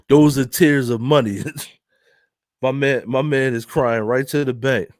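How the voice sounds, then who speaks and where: A man's voice: medium pitch, fairly even intonation, takes it slowly, no room sound, clean studio sound. A man hosting an online news live stream, commenting casually with loose jokes and frequent laughter. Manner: loose, joking, laughs often.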